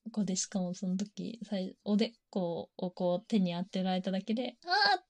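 This is a woman talking casually and frankly in an erotic confessional monologue, giggling often and leaning on fillers. Her pitch is middling and her tone is mellow and dark rather than bright. She speaks at an easy, conversational pace. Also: steady tone, brisk. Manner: chatty, giggly, frequent fillers.

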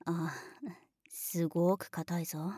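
Young woman doing a bossy tomboy big sister, blunt and teasing, middle pitch, dead dry close recording. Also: little pitch movement, slow, warm tone, husky, no echo. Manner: boyish, blunt, bossy speech with teasing laughs. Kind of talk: adult audio role-play drama, partly whispered.

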